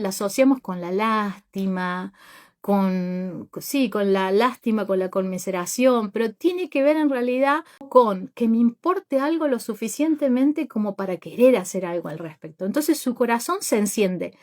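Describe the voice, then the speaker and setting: Higher-voiced woman telling a reflective story. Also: a little mellow. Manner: thoughtful, unhurried storytelling that addresses listeners directly. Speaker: podcast host. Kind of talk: reflective podcast monologue retelling a Bible story.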